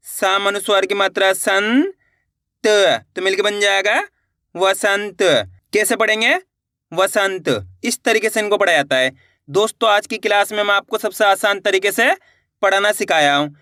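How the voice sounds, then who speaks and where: A man's voice: sits high, measured pace, bright, forceful tone, no echo, studio quality. A man teaching a reading lesson, sounding out syllables one by one and blending them into words, encouraging his viewers. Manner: addresses viewers as friends, encouraging.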